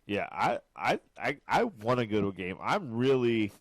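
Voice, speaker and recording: A man co-hosting a casual sports podcast, his pitch leaping around as he jokes and gets excited. The sound is close and dry, with no room echo at all. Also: moderate pace. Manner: animated, jokey, swings pitch high when excited. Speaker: podcast co-host.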